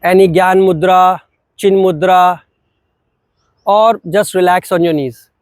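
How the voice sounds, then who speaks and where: Man, yoga teacher, higher voice, very slow calm phrasing, dry close sound. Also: no room sound. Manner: slow, calm, short phrases with long pauses. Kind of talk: guided breathing meditation.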